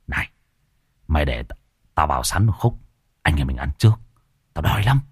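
A man voicing a frightened, hungry older brother who speaks in a low, hushed whisper. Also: very animated, fairly quick, husky, no room sound, clean studio sound, full character voice. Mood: eager.

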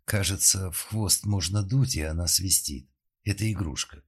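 A man voicing a frightened young woman who recalls her past slowly and haltingly under hypnosis, in an audiobook. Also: low voice, breathy edge. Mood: hesitant.

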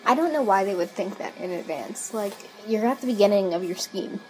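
A woman in easy podcast banter who tosses in wry, joking remarks and laughs at her own jokes. Her pitch sits in the middle for a woman. A faint hum of ambience runs under her voice. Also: a little fast, low-quality recording. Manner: wry, jokey asides with laughs. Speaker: podcast co-host. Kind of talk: casual chat.

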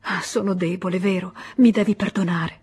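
A woman voicing a breathy, impassioned young lover. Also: mid-range voice, fairly even intonation, normal speed. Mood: wistful. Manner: impassioned, at times hushed. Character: passionate young woman, eager runaway lover. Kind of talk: audiobook character reading.

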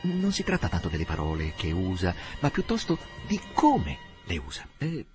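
A man's voice: sits low, wildly swooping pitch, moderate pace, darkish tone, soft background music. A man reading aloud who voices a refined young woman, patiently and kindly explaining things to a young man. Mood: gently instructive. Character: refined young woman gently tutoring a suitor.

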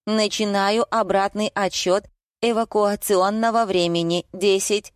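Woman doing a slow robotic wheelchair alarm. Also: mid-range voice, steady tone, no echo, clean studio sound, pitched above the performer's own voice, natural voice. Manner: slow, drawn-out mechanical announcements. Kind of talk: audiobook character voice.

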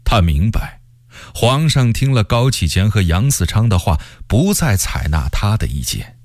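A man narrating a traditional story on radio in a measured, expressive way. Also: on the low side, no echo, studio quality.

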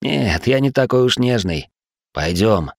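Male reader voicing urgent adult male companions, gravelly, dry; audiobook. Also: on the low side, animated, measured pace, no echo, exaggerated voice. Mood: tense.

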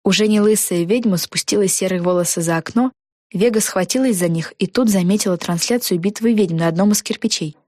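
A woman narrating a children's storybook in an even, clear manner. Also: mid-range voice, brisk, no room sound, clean studio sound.

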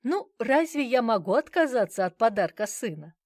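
A woman's voice: medium pitch, very animated, normal speed, no echo, clean studio sound, natural voice. A woman as a poised, self-assured young woman. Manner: cool, self-assured, dryly amused. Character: poised, confident young mother-to-be. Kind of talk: audiobook character reading.

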